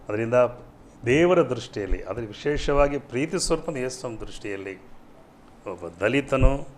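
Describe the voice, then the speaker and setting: A man with a Kannada accent, a pastor on a TV programme, teaching from the Bible and answering viewer questions with rising fervour. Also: slight background noise. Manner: fervent, rises in pitch and volume when quoting scripture.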